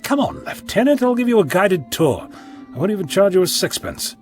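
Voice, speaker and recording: A man acts out an eccentric time-travelling doctor in an audio drama. The voice is on the high side and swings freely, breezy and playfully sardonic, with music underneath. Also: big pitch swings, brisk. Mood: wry, assured. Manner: theatrical, playfully sarcastic.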